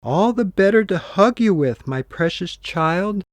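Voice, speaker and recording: A man voicing a sly male wolf who fakes a thin, high old woman's voice to coax and trick, read for a classroom storybook recording. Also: expressive, a little slow, dry recording. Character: sly male wolf faking a frail granny voice.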